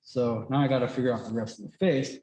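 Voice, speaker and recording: A man's voice: mid-range voice, fairly even intonation, fast, mellow, highs cut off. A man speaking through a face mask, casually thinking aloud as he teaches drawing in a rambling, chatty way. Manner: rambling, chatty, frequent "like" filler. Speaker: drawing instructor. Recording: echoey, roomy sound.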